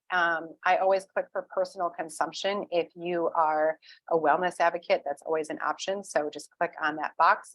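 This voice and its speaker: Chatty low-voiced woman giving a tutorial. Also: dry recording, poor audio. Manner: chatty, filler-heavy, checks in with "okay?". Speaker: essential oil wellness advocate. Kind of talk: screen-share tutorial walkthrough.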